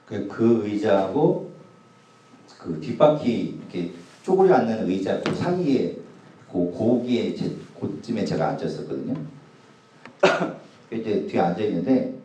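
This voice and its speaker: A man's voice: on the low side, lively intonation, unhurried, long pauses, mellow, heavy reverb, far from the mic, a little hiss or hum, poor audio. A man in his forties, a youth pastor, preaching to a young congregation in a casual, humorous storytelling way. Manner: casual, humorous anecdotes told to a youth group. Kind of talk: sermon storytelling. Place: church hall.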